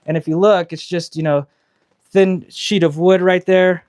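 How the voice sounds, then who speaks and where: A man's voice: high voice, fairly even intonation, unhurried, a little mellow, clear, resonant tone. A man selling RVs who walks through travel trailers on a live stream, chatty and explanatory with lots of fillers, sweating in the heat. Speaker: RV salesman giving a walkthrough. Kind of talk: casual live walkthrough. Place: inside and around trailers on a dealership lot.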